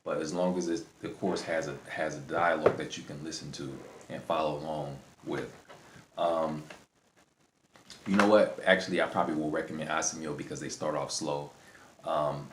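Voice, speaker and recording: A man hosting a language-learning video, giving casual unscripted advice in a rambling way, often repeating and rephrasing himself. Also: extremely low pitch. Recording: roomy echo, faint background noise.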